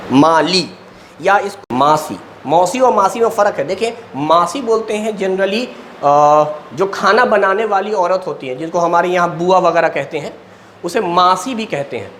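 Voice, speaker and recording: A man's voice: sits high, fairly bright tone, a little hiss or hum. A man teaching a chemistry lesson in speech, explaining step by step and answering his own questions. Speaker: coaching teacher. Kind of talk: classroom lecture at a board.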